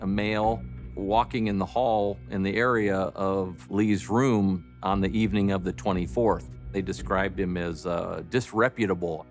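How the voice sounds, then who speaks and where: Man, police detective, documentary interview, official phrasing, deliberate, lowish pitch, light background music. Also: steady tone. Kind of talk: documentary interview, recounting case facts.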